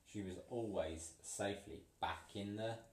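A man reading a picture book aloud to a child, playful and pausing so the child can finish sentences. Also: on the low side, a little mellow. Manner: playful, pauses for the child to fill in words. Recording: roomy, from a distance.

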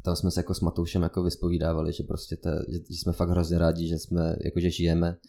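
Young man, casual storytelling, low pitch, dark mellow tone, filler-heavy. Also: vocal fry, a little hiss or hum. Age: young adult. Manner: animated anecdote telling with many fillers. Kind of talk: casual chat.

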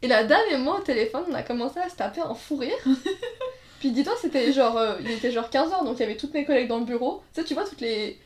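A woman's voice: high voice, expressive, fast. A woman telling casual anecdotes in a chat, acting out quotes and laughing along. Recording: roomy echo.

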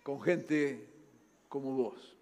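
A man with a Rioplatense Spanish accent preaching a sermon. He urges his listeners earnestly, rising loud and then dropping to soft, low passages. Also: very slow. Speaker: pastor. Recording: long hall reverb.

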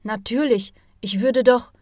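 A woman's voice: fairly high pitch, a little slow, a little mellow, no echo, studio quality, voice pushed up, natural voice. A woman reading a hot-tempered young man. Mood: flaring up.

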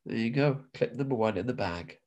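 A male podcast co-host chats casually at a medium pitch. He is informal and rambles loosely from one thought to the next. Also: animated, brisk, lo-fi sound, very noisy.

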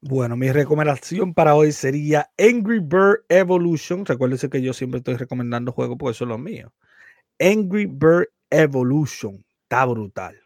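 Man, podcast co-host, eager game recommender, mid pitch, dry close sound. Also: lively intonation, a little fast, few pauses, no room sound. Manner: enthusiastic, repeats catchphrases. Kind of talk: casual chat.

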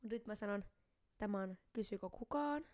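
Fast-talking young woman co-host. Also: medium pitch. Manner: talks fast, skips words when excited. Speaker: podcast co-host. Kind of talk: casual chat.

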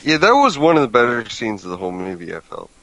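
A man casually discussing a movie, relaxed and agreeable, adding short quips. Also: mid-range voice, fast talker, lo-fi sound. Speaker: movie review co-host.

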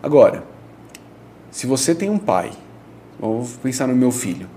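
A pastor with a dark, mellow male voice talks through his teaching in an easygoing, conversational way. He leans on everyday examples and tag questions, over a faint hiss in the background. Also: medium pitch, very animated, measured pace.

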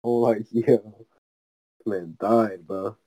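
A young man co-hosting a podcast, chatting in a relaxed way and laughing often. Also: on the low side, very slow, low-quality recording. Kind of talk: casual chat.

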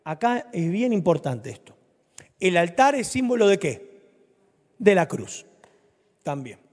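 A male preacher with a Rioplatense Spanish accent and a high, lively voice that climbs and drops through his sermon. He swings from loud, urgent lines to soft, low ones. His voice rings out with a long reverb, as in a church hall. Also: measured pace.

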